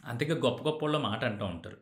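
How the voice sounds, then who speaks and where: A man's voice: medium pitch, quick pace, vocal fry. A man hosting a motivational podcast, talking directly to the listener. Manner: direct, addresses listener as you. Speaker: podcast host. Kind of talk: motivational talk. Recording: roomy echo.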